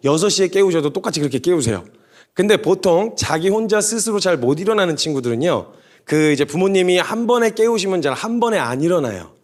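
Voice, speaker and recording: A man preaching a sermon to young adults, animated and storytelling with humorous asides. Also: on the high side.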